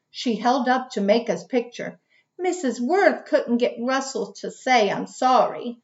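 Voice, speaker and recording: A woman leads a children's read-aloud lesson and stops often to pose questions to her young listeners. Her voice sits slightly high, and the recording sounds muffled and lo-fi. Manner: animated, asks questions and answers them herself. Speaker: teacher reading aloud. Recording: dull lo-fi recording.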